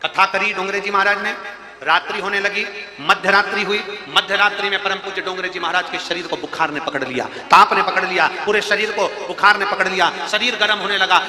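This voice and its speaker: A man preaching a devotional story sermon as a katha preacher, repeating phrases emphatically and building into loud declaiming. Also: high-pitched. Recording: echoey hall with music behind.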